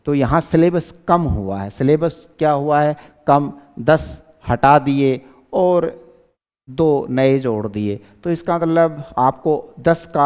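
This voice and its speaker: A man teaching an exam syllabus lecture, asking and answering his own questions and repeating key points. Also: medium pitch. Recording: clear voice with long reverb.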